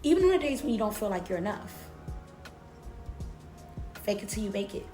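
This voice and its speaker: A woman delivers a motivational pep talk in a roomy, echoing space. She speaks at an average pitch, emphatic and preacher-like, leaning on repetition while keeping her phrasing informal and conversational. Faint music plays behind her. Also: big pitch swings, normal speed, dark tone. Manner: informal, conversational, addressing listeners as besties.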